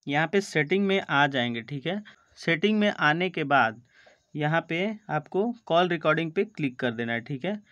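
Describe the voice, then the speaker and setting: Animated and at a moderate pace, a man with an Indian accent narrates a step-by-step phone tutorial, checking repeatedly that viewers follow and calling them friends. His fairly high, slightly bright voice comes through with no room sound, though the highs are cut off.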